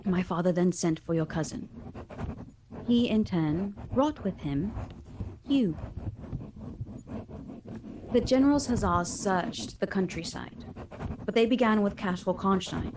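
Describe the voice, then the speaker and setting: In a radio drama, an actress plays a solemn young gentlewoman recounting an ordeal, her manner measured, formal, and restrained yet animated. She speaks at medium pitch in a somber mood, with a noisy background.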